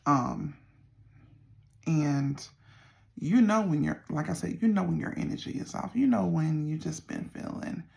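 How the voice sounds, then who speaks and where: A middle-aged person with a Southern US accent and a creaky voice, chatting casually to viewers in a folksy, meandering way. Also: mid-range voice, animated, unhurried, a little mellow. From Southern United States. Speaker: vlogger. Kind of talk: casual rambling check-in to viewers.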